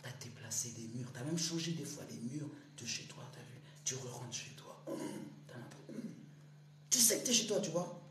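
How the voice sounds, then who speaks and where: A woman giving a rambling spiritual monologue to her online audience. She talks straight to the listener in street slang and swings between hushed whispers and loud outbursts. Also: extremely low pitch, lively intonation, moderate pace. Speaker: spiritual speaker. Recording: roomy echo with faint hum.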